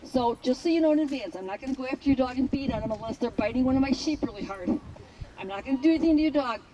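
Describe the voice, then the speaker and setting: A woman herding instructor explaining a test to a class outdoors in a blunt, joking, animated way. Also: high-pitched, rapid-fire, muffled recording, a crowd in the background. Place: outdoors at a sheep field. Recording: outdoor recording with traffic noise.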